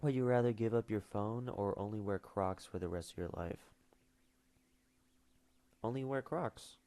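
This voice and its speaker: On a casual livestream, a teenage boy reads out questions, mumbling and trailing off into fillers. He speaks unhurriedly in a warm, lowish voice, recorded with no room sound.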